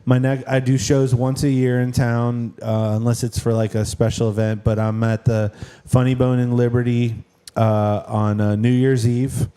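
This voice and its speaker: A man, a stand-up comedian, chatting as a podcast guest and telling stories in an animated, self-amused way. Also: medium pitch, normal speed, few pauses. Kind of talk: casual podcast chat, storytelling.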